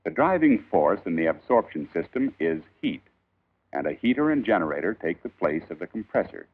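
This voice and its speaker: A man reading a scripted 1940s instructional film in a formal, measured, emphatic old newsreel narrator style. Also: low voice, sing-song, breathy edge. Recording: tinny band-limited 1940s film soundtrack.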